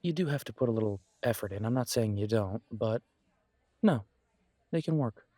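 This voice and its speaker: In a casual roleplay audio drama, a man plays a supportive, self-deprecating best friend, speaking in an earnest, encouraging, conversational way with pauses. His natural, mid-range voice is animated and dark-toned, with a reassuring mood and no room sound.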